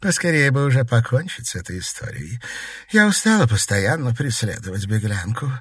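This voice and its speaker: A man's voice: mid-range voice, sing-song, normal speed, fairly bright tone, husky, dry recording. A man voicing a cold, scheming noble lady of shadows in an audiobook, falsely sweet and commanding. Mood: impatient.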